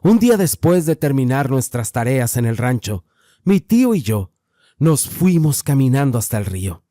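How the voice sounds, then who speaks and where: Male narrator, warm low-key voice, dry close recording, slow-burn horror tale. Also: very animated, no room sound.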